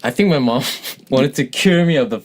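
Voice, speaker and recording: A man's voice: medium pitch, moderate pace. A man co-hosting a radio show who chats casually and tells stories with a ready laugh. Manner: animated storyteller, laughs easily. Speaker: radio co-host.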